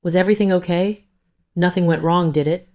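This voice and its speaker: A woman's voice: lowish voice, fairly even intonation, fairly quick, warm tone, close to an everyday voice. A woman voicing a scornful young daughter-in-law who turns remorseful, in a plain read-aloud delivery. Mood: cool.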